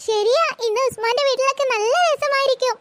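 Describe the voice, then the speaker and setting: A performer voicing a patient cartoon mother who gently scolds her children. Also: fairly quick. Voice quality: very high-pitched. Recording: loud background hiss.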